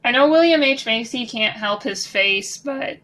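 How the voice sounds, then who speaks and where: A young Midwestern woman co-hosts a casual podcast, answering bluntly with a dry, sarcastic edge. Her voice sits slightly high. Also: animated, unhurried, a bit bright. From Missouri. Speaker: podcast co-host. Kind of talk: casual chat.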